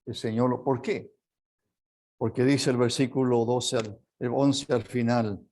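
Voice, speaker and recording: A man with a Chilean Spanish accent preaching a sermon as pastor, earnest and unhurried, closing in a quiet prayer. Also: medium pitch. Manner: slow, earnest preaching that drops to a soft prayer.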